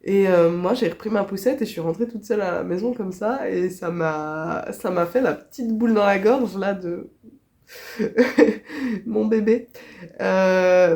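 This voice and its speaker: A Swiss woman with a Swiss French accent talks through her crochet project in relaxed chat, with frequent fillers and small laughs. Her cold leaves her nasal and stuffy. Her voice sits low and warm, with a soft, dark tone. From Switzerland. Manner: chatty, laughs often, many fillers. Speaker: crochet vlogger. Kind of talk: casual chat.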